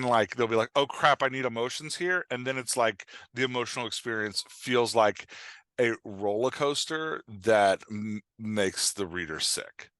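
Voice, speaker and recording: This man, a writing coach appearing as a podcast guest, has a medium-pitched voice that sounds sharp and clean with no echo. He explains things in a casual, rambling interview style, sometimes acting out imagined reactions.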